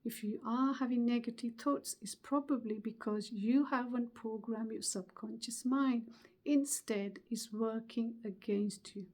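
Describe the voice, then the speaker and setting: A middle-aged woman delivers a motivational webinar talk in a fairly high voice. She speaks slowly and earnestly, pausing often to let points land. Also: a little mellow. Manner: slow, earnest, emphatic delivery with pauses.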